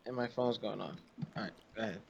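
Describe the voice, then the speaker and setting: A man's voice: lowish voice, fast, lo-fi sound. A man giving his opinions as a podcast co-host in casual discussion. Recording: clear background noise with clicks.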